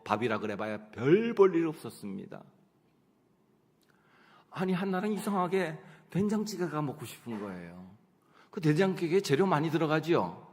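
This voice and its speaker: A middle-aged man preaching a sermon, telling personal stories in an animated way and acting out his own prayers and conversations. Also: on the high side. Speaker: pastor. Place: church sanctuary. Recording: long church hall reverb.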